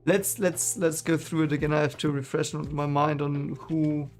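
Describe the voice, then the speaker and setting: A native German speaker with a matching accent chats casually with viewers in his live chat about a book he is reading. He's a streamer going through a book series, his voice a bit high and level in tone at a moderate pace, rambling with many fillers and restarts. Music plays faintly behind him.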